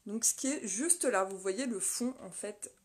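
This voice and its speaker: A woman's voice: medium pitch, a little slow. A woman vlogger chatting casually on a live stream from her small home office, rambling with many fillers and laughing often. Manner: laughs often, reads viewer comments aloud. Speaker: vlogger hosting a live video. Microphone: phone mounted on a stand.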